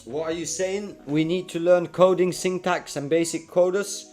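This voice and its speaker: A young man hosting a casual live stream, reading and answering viewer comments by name in a relaxed, chatty way. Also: high-pitched, normal speed, faint music behind.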